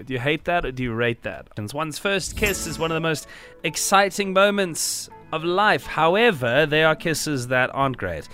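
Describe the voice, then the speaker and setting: Brief: male radio show host, bright and a bit high-pitched, jokey and chatty, faint music underneath. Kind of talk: radio talk show chat.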